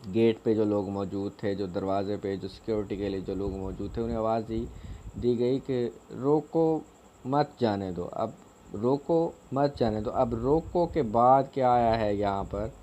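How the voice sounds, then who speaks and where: A man teaching a grammar lesson, explaining slowly with many fillers and repeated phrases. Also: lowish voice, dark tone, lo-fi sound, slight background noise.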